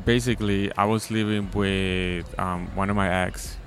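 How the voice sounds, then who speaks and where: Speaking low and unhurried with little pitch movement, this Dominican guest DJ in his twenties has a fairly bright tone. Soft music plays behind him as he gives a casual interview on a handheld mic at an outdoor festival, filling his talk with likes and ums.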